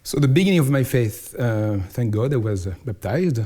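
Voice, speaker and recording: A man in his forties with a French accent, a priest answering interview questions in careful English, often pausing to find his words. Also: medium pitch, expressive, warm tone. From France. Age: 40s. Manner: halting, searching for English words. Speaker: priest, house superior.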